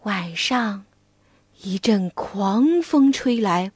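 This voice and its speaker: A woman telling a children's story in a slow, expressive, animated way, recorded on a close mic. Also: mid-range voice, husky, no room sound.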